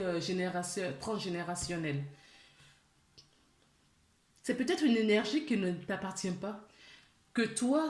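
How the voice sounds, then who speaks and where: Slow, questioning woman in an echoey room. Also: mid-range voice, darkish tone. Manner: slow, questioning, addresses listener directly. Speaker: spiritual channeler. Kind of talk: spiritual guidance reading.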